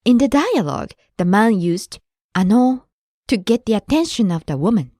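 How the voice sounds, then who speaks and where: A woman's voice: mid-range voice, very animated, moderate pace, mellow, no echo, studio quality. A woman co-hosting a language lesson podcast, explaining words in a friendly, scripted way.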